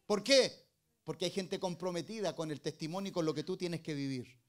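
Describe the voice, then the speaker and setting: A middle-aged man preaching a sermon as pastor, firing rhetorical questions and swinging between loud emphasis and low, quiet asides. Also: brisk.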